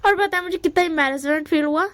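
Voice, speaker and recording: A woman's voice: extremely high pitch, fast, a bit bright, no echo, studio quality. A woman voicing a strict middle-aged uncle who complains in an exasperated, teasing way.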